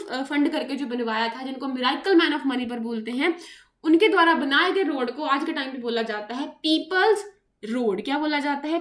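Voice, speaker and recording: A woman's voice: high-pitched, fairly bright tone. A woman with an Indian accent giving an online lecture for civil services exam students, mixing English into her explanations and checking in often with her class. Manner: mixes English into explanations, keeps asking "ठीक है?". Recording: roomy echo.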